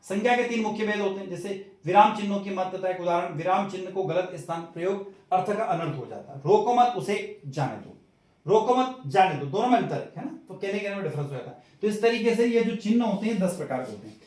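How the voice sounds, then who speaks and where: A man with a high voice gives a recorded video lesson, asking questions and then answering them himself. He sounds distant from the microphone. His voice rings in a heavily echoing room. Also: lively intonation, fast talker, hardly any pauses, darkish tone. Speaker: teacher. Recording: very echoey room, far from mic.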